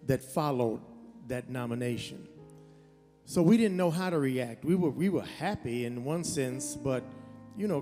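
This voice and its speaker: A man's voice: a little high, warm tone. A man speaking earnestly to an audience as a concert emcee, with a few hesitant restarts. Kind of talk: event speech to an audience. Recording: long hall reverb, faint music.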